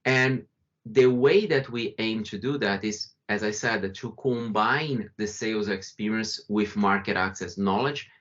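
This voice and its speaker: Speaking a little slowly in a lowish, slightly bright voice, this man from Brazil presents a webinar conversationally, with a Brazilian accent and frequent restarts and self-corrections. The audio comes muffled through a video call microphone on a remote call from home or office.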